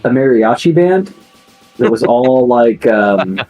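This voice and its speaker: A man's voice: mid-range voice, lively intonation, takes it slowly, muffled recording, faint music behind. A man chatting casually as a player in a tabletop game stream, joking and laughing often. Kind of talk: casual chat between players.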